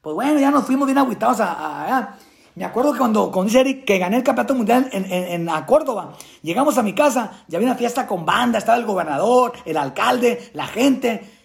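Middle-aged Mexican man, high and very gravelly, animated storyteller who acts out the dialogue. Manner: acts out dialogue with quick voice changes. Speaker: guest, retired boxer.

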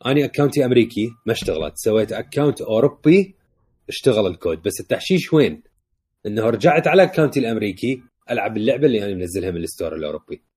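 A man's voice: on the low side, animated, very fast, darkish tone, breathy edge. A man with an Iraqi Arabic accent chatting casually as a podcast co-host, dropping English words into his talk. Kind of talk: casual chat.

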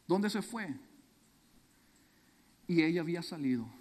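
A male youth pastor preaches with dramatic storytelling. His voice sits high for a man and carries a long reverb, as if he is in a large hall. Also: animated, a little slow, a little mellow. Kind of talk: sermon.

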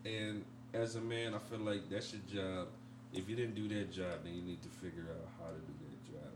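A man's voice: low-pitched, fairly even intonation, moderate pace, reverberant, far from the mic, noisy background. A man co-hosting a casual group chat show, talking boisterously and profanely with frequent laughter. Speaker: podcast co-host. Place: room with several people.

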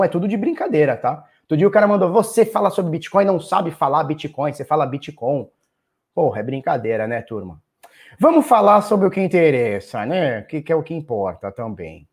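A man's voice: on the high side, a little mellow. A Brazilian man hosting a casual live stream, chatting with viewers, quizzing them and throwing in playful sound words as he goes. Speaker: crypto market live-stream host.

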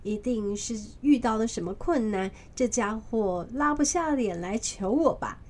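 A woman's voice: on the high side, lively intonation, measured pace, a little mellow. A woman voicing a proud, hot-tempered male monkey king in a children's storybook, with a scornful, blustering manner. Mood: grumbling.

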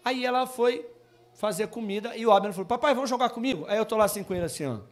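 Young male pastor, high-pitched, conversational storyteller who builds to fervent emphatic preaching. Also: fast. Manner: builds from chatty asides to loud emphatic preaching; addresses congregation as brothers. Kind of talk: Christmas sermon. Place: church.

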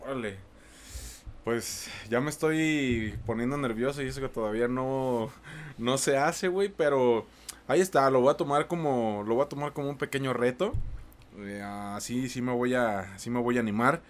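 A man's voice: medium pitch, moderate pace. A man with a Mexican Spanish accent hosting a casual podcast, slangy and joking, swearing freely. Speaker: podcast host.

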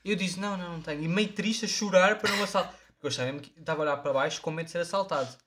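A young man with a European Portuguese accent, co-hosting a podcast in quick, jokey banter full of slang. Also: on the high side, fairly even intonation, a bit bright, slight background noise. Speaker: podcast co-host. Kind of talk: casual chat.

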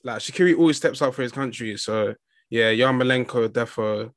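A man's voice: medium pitch, brisk, no room sound, clean studio sound. A young adult man with a London roadman accent, chatting about football in casual street slang as a podcast co-host. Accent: London, urban slang-heavy.

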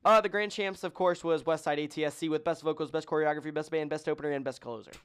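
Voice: mid-range voice, fairly even intonation, fast, smooth. A podcast host in casual chat, joking and running through long lists of results with many ums.

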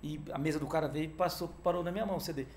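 A man telling a story in a casual interview, animated and peppered with "cara", acting out the other voices in it. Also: a little high, racing. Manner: animated, fills talk with "cara", acts out quoted dialogue. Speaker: guest, music manager.

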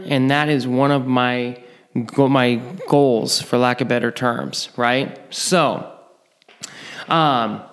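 A middle-aged man teaching real estate investing in a casual talk, repeating points and checking in with "right?" and "okay?". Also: fairly high pitch. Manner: repetitive, checks in with "right?" and "okay?", chuckles often. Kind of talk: informal teaching monologue.

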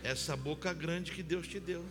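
A pastor preaching a sermon, moving from calm teaching to shouted, sung exclamations. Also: male voice, fairly high pitch, normal speed, background noise. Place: church hall. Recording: long hall reverb with live music.

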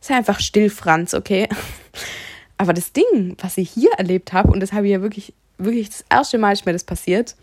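A young woman hosts a casual solo podcast, talking in a frank and opinionated way. She chats at an easy, mid-range pitch. The sound is close and dry, with no room around her. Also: moderate pace, darkish tone, husky, no echo. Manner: frank, chatty, opinionated storytelling. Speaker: podcast host.

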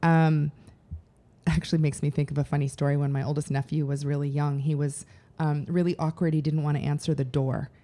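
Middle-aged woman co-host, lowish mellow voice, lively and acts out quotes. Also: a little fast. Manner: animated, acts out quoted speech. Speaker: podcast co-host. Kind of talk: casual advice chat.

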